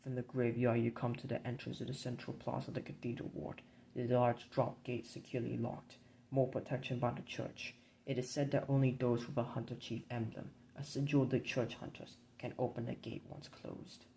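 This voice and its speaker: A man narrating a dark board game campaign in a measured, grim storybook reading. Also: mid-range voice, level tone, vocal fry, slight background noise, rough recording.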